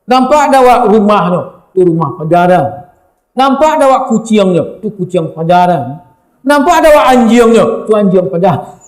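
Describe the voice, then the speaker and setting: A man with a Minangkabau accent preaching a sermon, speaking straight to the listeners in a lively way. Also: high-pitched, normal speed, roomy sound. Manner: lively, addresses the audience directly.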